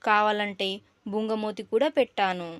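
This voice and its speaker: A woman's voice: medium pitch, steady tone, moderate pace, smooth, no echo, clean studio sound, close to an everyday voice. A woman voicing a dramatic young female student who whines and pleads tearfully in a storybook. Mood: melodramatic whining. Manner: whiny, melodramatic pleading.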